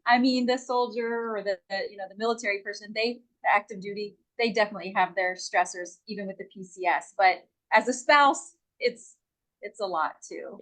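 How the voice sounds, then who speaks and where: A woman's voice: medium pitch, brisk, a bit bright, poor audio. A middle-aged woman chatting as a guest, rambling a little and correcting herself as she goes. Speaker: guest, real estate agent. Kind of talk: casual chat.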